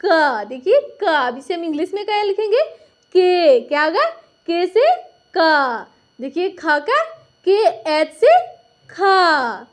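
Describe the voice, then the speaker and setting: A woman's voice: very high voice, big pitch swings, slow. A woman teaching a beginner lesson step by step, patiently asking questions and answering them herself.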